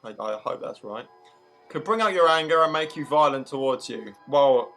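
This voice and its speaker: A man's voice: on the high side, lively intonation, moderate pace, a bit bright, faint music behind. A man reading a story aloud to friends, exasperated, swearing and stumbling over the names. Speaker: reader of the story. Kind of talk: casual comedic read-along.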